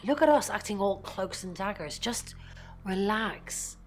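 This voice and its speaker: A woman's voice: medium pitch, animated, measured pace, slight background noise, close to an everyday voice. An actress playing a guarded young woman in a game, with a dry, sardonic way of talking. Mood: wry. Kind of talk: game character dialogue.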